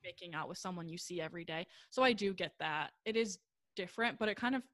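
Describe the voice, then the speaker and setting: A woman's voice: fairly low pitch, fast talker, a bit bright, no echo, studio quality. A young woman co-hosting a podcast, talking casually, full of "like", swearing freely and laughing often. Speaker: podcast co-host. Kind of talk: casual chat.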